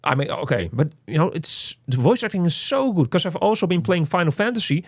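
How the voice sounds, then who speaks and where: A man with a fairly high, slightly rough voice co-hosts a casual game review show, sounding very animated and brisk as he rambles, jokes and interrupts himself with many restarts. The recording is dry.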